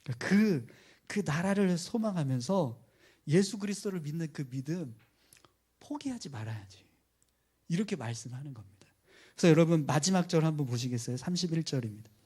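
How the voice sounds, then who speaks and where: A man with a fairly high voice preaches a sermon. He tells stories in a casual, conversational way and pushes hard on key points. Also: brisk, breathy edge. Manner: colloquial storytelling, animated emphasis. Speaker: pastor.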